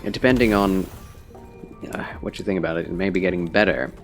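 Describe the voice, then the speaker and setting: A man with a fairly low, scratchy and slightly phlegmy voice is live streaming a game. He talks in a casual, rambling way to his viewers, sounding tired and under the weather. Music plays clearly behind him. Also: brisk. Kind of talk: casual livestream chat with game commentary.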